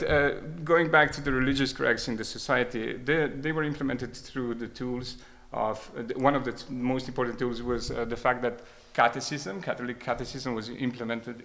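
A man's voice: mid-range voice, gravelly, bright, forceful tone. A man, speaking reflectively about his experience and often hesitating and repeating words as he thinks. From Croatia. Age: 30s. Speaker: speaker sharing personal experience. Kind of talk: reflective spoken testimony.

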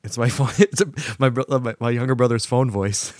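Male podcast host, deep voice, jokey and relaxed, dry close mic. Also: brisk, dry recording. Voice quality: deeper than usual. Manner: joking, laughs often. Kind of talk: casual chat. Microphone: studio microphone.

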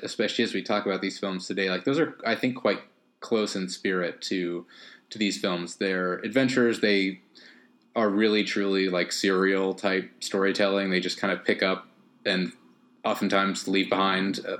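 A man's voice: low-pitched, fairly bright tone. A man co-hosting a podcast in casual chat, rambling with fillers and restarts. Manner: rambling, frequent fillers and restarts, laughs often. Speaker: podcast co-host.

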